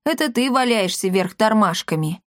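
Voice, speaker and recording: A woman's voice: medium pitch, lively intonation, normal speed, no room sound, studio quality, natural voice. A woman voicing a stubborn, practical young man who argues back indignantly. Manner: indignant, argumentative.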